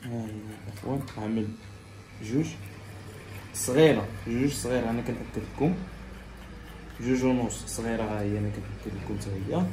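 Fast-talking Moroccan barber teaching. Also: male voice, mid-range voice, fairly even intonation, warm tone, roomy sound, slight background noise. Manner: instructive, repeats steps, talks straight to viewers. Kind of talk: step-by-step haircut tutorial. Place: barbershop salon.

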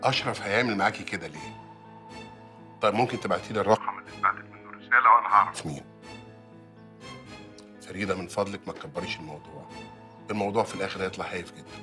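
An actor with an Egyptian accent playing a man who calmly reasons and defends a friend. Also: low voice, rapid-fire, long pauses, soft background music. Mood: reasoning. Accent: Egyptian Arabic. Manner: reasoning, calming. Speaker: actor in a TV drama series. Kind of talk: TV drama acting.

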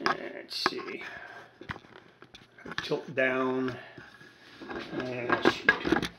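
An older man, a hobbyist vlogger, rambles casually about his radio repair at a cluttered home electronics workbench, hesitating often and using many fillers. His medium-pitched voice is completely flat and extremely slow. Heavy background noise and the echo of a roomy home workshop fill the recording.

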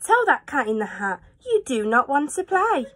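A scolding little storybook fish, acted out by a woman, pitched high. It is anxious and bossy, exclaiming its protests with real indignation. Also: sing-song, moderate pace, a bit bright. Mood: alarmed, scolding. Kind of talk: children's storybook read-aloud.

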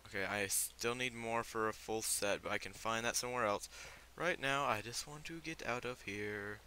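Sick teenage boy, game commentary, rambling with lots of fillers, bright lower voice, faint hiss behind. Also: moderate pace. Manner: rambling, filler-heavy, easily startled. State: sick with fever. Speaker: gamer.

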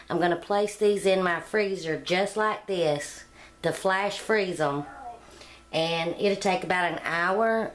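A middle-aged woman hosting a home cooking channel, talking plainly step by step through a recipe in her kitchen. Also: lowish voice. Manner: homey, plain-spoken, step-by-step. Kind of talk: casual cooking demonstration voice-over.

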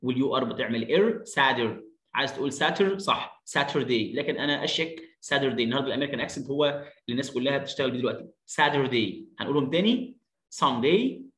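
A man with an Egyptian Arabic accent teaching an English lesson, repeating words slowly to drill pronunciation. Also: medium pitch, a bit bright, roomy sound. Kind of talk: lesson explanation.

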